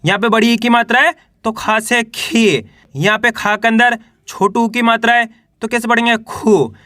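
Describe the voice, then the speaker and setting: A man's voice: very high-pitched, fairly even intonation, pushed and bright, no echo, studio quality. A man teaching a reading lesson, patiently sounding out syllables one by one and drawing out the vowels. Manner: patient, deliberate, drawn-out vowels.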